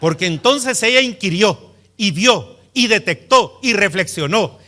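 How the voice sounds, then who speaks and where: A man preaching a sermon as a pastor, telling stories in an animated and emphatic way. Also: high-pitched, a little slow.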